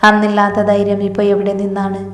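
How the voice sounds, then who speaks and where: Flat-toned Malayali woman storyteller. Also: medium pitch, quick pace. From Kerala. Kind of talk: scripted narration. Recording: echoey hall reverb.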